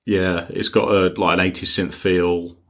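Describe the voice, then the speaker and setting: A man's voice: deep voice, flat delivery, unhurried, fairly bright tone. A man co-hosting a podcast, chatting casually about music news in blunt, dry short replies. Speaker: podcast co-host.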